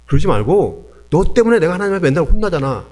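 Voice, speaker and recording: A man's voice: fairly high pitch, sing-song, moderate pace, darkish tone. A man voicing an angry older brother who bullies and threatens his younger sibling. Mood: threatening. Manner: scolding, threatening, blunt.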